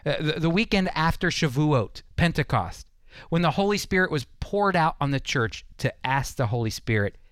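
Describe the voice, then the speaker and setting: A Bible teacher hosting a radio program preaches an evangelical sermon, speaking directly to the listener with emphatic repetition and rhetorical questions. His fairly high, fairly bright voice has lively intonation and a moderate pace, with a clean tone and a dry, clean studio recording.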